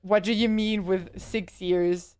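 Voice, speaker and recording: A woman's voice: mid-range voice, steady tone, slow, a little mellow, clean tone, no echo. A young woman streaming a horror game, chatting casually, swearing and yelping when startled. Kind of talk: casual live gameplay chatter.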